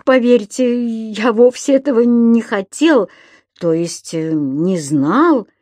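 A woman's voice: on the high side, animated, a little slow, a little mellow, no echo. Timid flustered man, as a woman reads him, stammering, hesitant, dry close sound.

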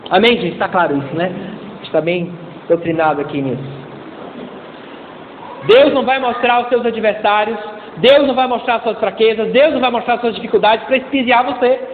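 A man's voice: very high-pitched, slight background noise. A man, preaching a conversational sermon as a pastor, calling out to the congregation and acting out little scenes in different voices. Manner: conversational preaching with acted-out voices and call-and-response. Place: church. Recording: echoey church hall over a tinny line.

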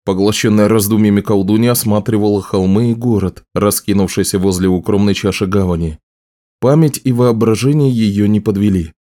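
A man reading a fantasy audiobook aloud in an even, measured manner. His voice is low and mellow. The narration flows steadily. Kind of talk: scripted narration.

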